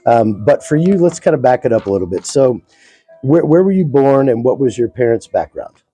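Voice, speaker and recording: A man hosting an interview, asking questions in a casual, slightly halting conversational way. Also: medium pitch, lively intonation, mellow, slightly rough, soft background music, rough recording. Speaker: interviewer, host.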